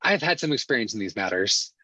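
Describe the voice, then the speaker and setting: A woman reading the part of a calm, unflappable man in an amateur script read, with dry, understated delivery. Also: extremely low pitch, brisk, exaggerated voice. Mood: deadpan.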